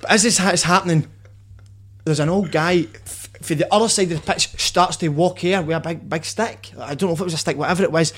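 A man with a west of Scotland accent telling casual stories in animated, sweary, matey banter. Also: on the high side, quick pace. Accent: Scottish, west central. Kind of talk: casual storytelling chat.

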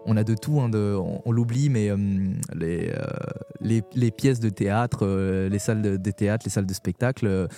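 A young man from France, a poet guest on a podcast, talking frankly and hesitantly in a casual conversation, with many pauses and restarts. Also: on the low side, warm tone, faint music behind.

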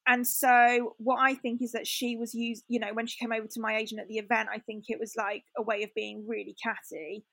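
A woman's voice: a little high, flat delivery, brisk, vocal fry, hardly any pauses, a bit bright, dry recording. A young woman telling a personal story in a candid, chatty way, full of fillers and restarts. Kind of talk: casual storytelling chat.

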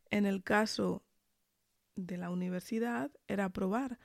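A woman's voice: medium pitch, gravelly, a little mellow, dry recording, studio quality. A woman with an accent from Spain giving an earnest, encouraging motivational monologue straight to the listener as a podcast host, speaking while sick with a sore throat. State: sick with tonsillitis and fever.

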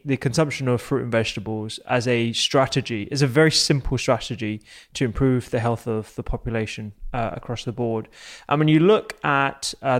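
Creaky-voiced male podcast host. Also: medium pitch. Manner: thoughtful, measured questioning. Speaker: podcast host and medical doctor. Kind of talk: conversational interview.

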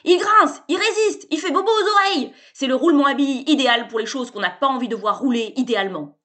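A woman voicing a brash, over-familiar male salesman who makes a loud, gushing pitch in a storybook reading. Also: lively intonation, a little fast. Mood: triumphant. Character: brash pushy male salesman, fast-talking schemer.

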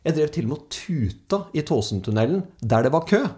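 A man tells casual anecdotes as a speaker, animated and acting out the people he quotes. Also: a little high. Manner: animated storyteller, acts out quoted voices. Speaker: speaker telling stories.

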